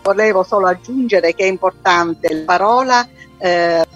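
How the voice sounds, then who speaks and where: Woman on a landline phone, distant and cutting out, medium pitch, short answers. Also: normal speed, lo-fi sound, soft background music. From Sicily. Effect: over a landline phone, distant and breaking up. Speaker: listener calling in.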